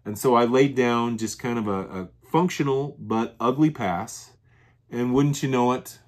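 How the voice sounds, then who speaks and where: A man's voice: mid-range voice, a little slow. A man hosting his own workshop channel, walking through machined parts in a plain, methodical way and often restating his points. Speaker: channel host. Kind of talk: workshop show-and-tell. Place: workshop bench.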